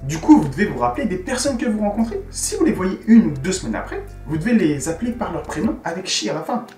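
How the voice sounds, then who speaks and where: A man hosting a casual educational vlog on learning a language, animated and expressive, swinging from loud exclaiming to muttered asides. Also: high voice, fast talker. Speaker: YouTuber teaching Korean. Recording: echoey room, distant mic, faint music.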